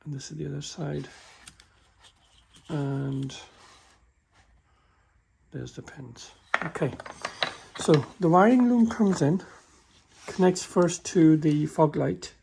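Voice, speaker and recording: A man walking through a car repair in a halting, casual way, often stumbling and restarting his sentences. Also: a little high, creaky, background noise. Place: workshop with a work table.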